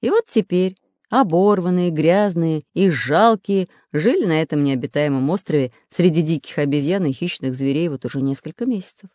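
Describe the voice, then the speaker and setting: A narrator giving a lively, expressive storybook reading. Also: medium pitch, moderate pace, no room sound, clean studio sound.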